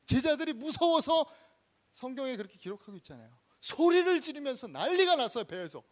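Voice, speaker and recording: A male pastor giving an animated storytelling sermon in a church, acting out the scenes he tells. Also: very high-pitched, a little fast. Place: church sanctuary.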